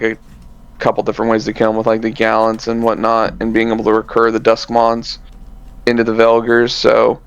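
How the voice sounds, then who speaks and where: A man's voice: mid-range voice, smooth, no room sound, lo-fi sound. A man co-hosting a card game podcast, recapping tournament rounds in a loose, rambling way with lots of fillers. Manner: relaxed, rambling, many fillers and self-corrections. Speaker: podcast co-host.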